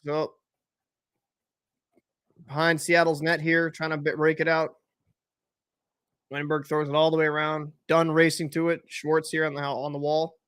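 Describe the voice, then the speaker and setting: A man's voice: fairly high pitch, little pitch movement, a little slow, pauses often, fairly bright tone, clean tone. Chatty man hosting a live watch party. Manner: chatty, joking, answers live chat, loose and rambling. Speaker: livestream host. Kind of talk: casual watch-party chat and commentary.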